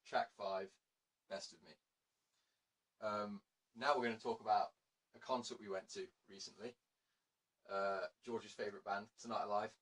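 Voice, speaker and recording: Brief: male host, lowish husky voice, loose and chatty. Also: steady tone, normal speed, pauses often, fairly bright tone. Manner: chatty, laughing, self-correcting. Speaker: radio show host. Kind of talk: casual chat.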